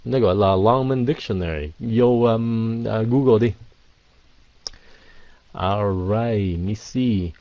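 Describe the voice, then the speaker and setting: A man teaching English in a casual live Q&A, mixing Vietnamese and English and drawing words out slowly. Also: on the low side, no room sound. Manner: drawn-out, slow pronunciation of English words. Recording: dull, lo-fi, dry.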